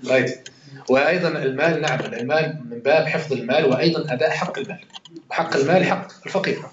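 Algerian male Quran teacher, rapid and conversational, quizzing his circle; roomy, muffled recording. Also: on the high side, crowd noise. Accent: Algerian Arabic. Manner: conversational, swears oaths, quizzes listeners. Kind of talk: informal Quran commentary lesson.

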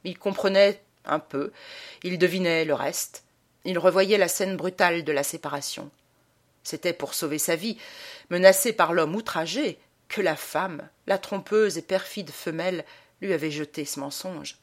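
A woman reading a short story aloud in a measured, dramatic way. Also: on the low side. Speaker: narrator.

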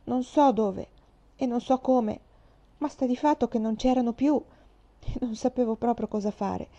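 A woman's voice: fairly high pitch, normal speed, warm tone, pitched above the performer's own voice, natural voice. A woman voicing a tough, boastful orphan girl of about twelve who talks in a brash, defiant way. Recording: slightly dull lo-fi recording.

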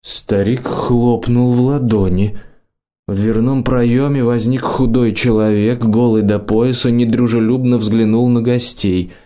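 A man narrating a fantasy audiobook in a steady, even reading voice. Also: mid-range voice. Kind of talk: scripted narration.

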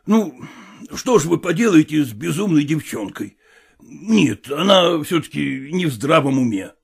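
An agitated middle-aged merchant father, as a male reader puts him on, rambling and pleading. The voice is husky and a touch gravelly, sitting fairly high and moving in wide, lively swings. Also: unhurried, exaggerated voice.

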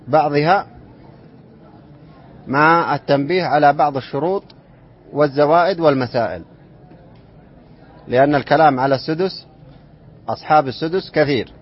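A man teaching an Islamic inheritance lesson to students, reciting verse lines slowly and then explaining them and quizzing the class. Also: on the high side, slightly rough. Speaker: sheikh teaching inheritance law. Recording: dull lo-fi classroom recording.

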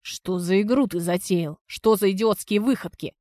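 A woman reading an audiobook, voicing an enraged middle-aged man who roars slow heavy curses. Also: medium pitch, dark tone, dry recording, studio quality, lightly acted. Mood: irritated. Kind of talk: audiobook character voice.

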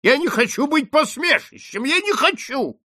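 A man's voice: extremely high pitch, expressive, moderate pace, bright, forceful tone, pitched above the performer's own voice, full character voice. A man voicing a stout elderly baronet sputtering with anger. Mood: indignant. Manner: angry sputtering outbursts.

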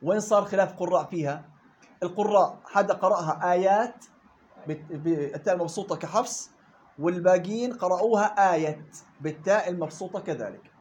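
A man with a Levantine Arabic accent teaching a Quran recitation class, explaining points in everyday speech and quizzing his students with quick questions. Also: high-pitched, darkish tone, lo-fi sound. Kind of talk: classroom lesson.

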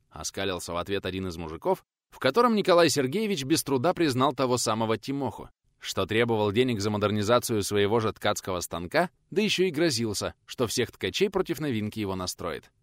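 A man narrating an audiobook in an expressive storytelling manner. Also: on the low side, dry recording, clean studio sound.

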